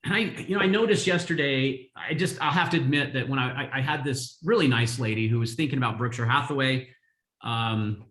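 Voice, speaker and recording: A man's voice: medium pitch, a little fast, a bit bright, roomy sound. A man coaching real estate agents on a video call, telling stories energetically with frequent laughs. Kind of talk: live coaching session.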